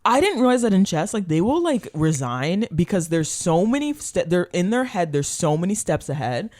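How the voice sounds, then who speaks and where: A podcast co-host chatting casually, animated and slangy, with lots of "like" as fillers. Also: medium pitch, moderate pace, dry recording, studio quality. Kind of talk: casual chat.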